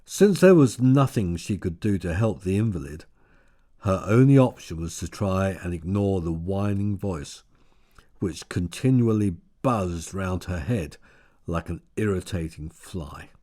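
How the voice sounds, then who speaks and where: A man reading an audiobook in a measured, steady storytelling manner. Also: deep voice. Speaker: audiobook narrator. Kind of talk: scripted narration.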